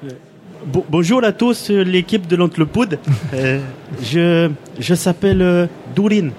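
A man's voice: high voice, measured pace, darkish tone, a little hiss or hum. A man on a radio show speaking hesitantly, with many fillers and restarts, in casual chat.

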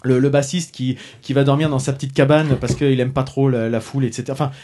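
A man's voice: mid-range voice, fairly even intonation, fast, dark tone, slight background noise. A man hosting a podcast, reviewing a concert box set in casual, hesitant chat with many restarts. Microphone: studio microphone.

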